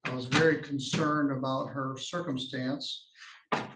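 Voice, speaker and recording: A man presiding as judge over a court hearing, formal and measured, his voice going hoarse. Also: mid-range voice, fairly even intonation, very noisy. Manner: formal, measured legal phrasing. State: losing his voice. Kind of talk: courtroom proceedings. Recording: echoey courtroom audio.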